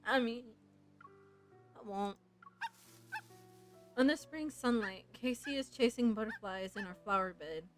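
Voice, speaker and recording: Brief: young woman, fairly high voice, reads game text aloud with lively casual reactions. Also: a little slow, long pauses, faint music behind, poor audio. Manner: reads story text aloud with chatty excited asides. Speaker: gamer reading a story game aloud. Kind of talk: casual playthrough narration.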